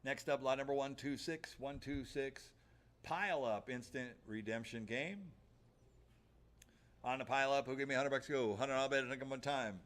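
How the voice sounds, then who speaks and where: A man's voice: mid-range voice, fairly even intonation, moderate pace, fairly bright tone. A man working as an auctioneer, chanting bids in a rhythmic, repetitive patter of numbers and stock phrases.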